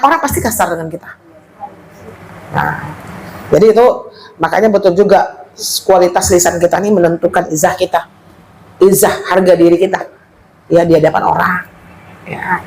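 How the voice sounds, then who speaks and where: A woman with a big, powerful voice, from West Sumatra, giving a lively religious study talk to women, loud and playful and acting out quoted speech. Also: medium pitch, slight background noise, rough recording. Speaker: female Islamic teacher.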